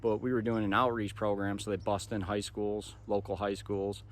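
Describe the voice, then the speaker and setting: Low-voiced American man, casual vlogger. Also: flat delivery, normal speed. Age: 30s. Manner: informal, conversational. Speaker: vlog host. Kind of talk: casual vlog recap to camera. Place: outdoors, park path and parking lot. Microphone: phone at arm's length. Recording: faint outdoor background noise.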